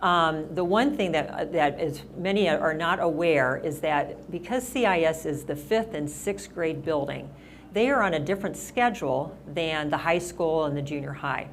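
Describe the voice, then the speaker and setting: A woman's voice: low-pitched, normal speed, slight background noise. A middle-aged woman mayor talking casually at a senior center, rambling with lots of restarts and fillers. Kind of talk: casual town-hall talk.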